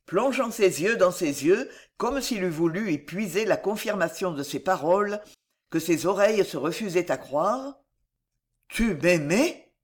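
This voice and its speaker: A narrator reading a novel aloud in an expressive, measured storytelling manner. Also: mid-range voice, slightly rough. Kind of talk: dramatic audiobook reading.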